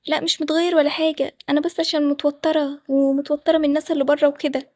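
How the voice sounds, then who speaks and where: Nervous loyal friend, voiced by a woman, Egyptian, high, quick talker. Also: little pitch movement, a little mellow, no room sound, natural voice. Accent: Egyptian Arabic. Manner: hesitant, worried questions.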